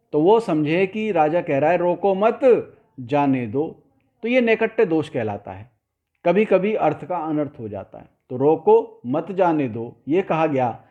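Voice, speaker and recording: A middle-aged man teaching poetry, patiently explaining and slowly repeating example lines word by word. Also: a little high, mellow, muffled recording. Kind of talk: explanatory lesson.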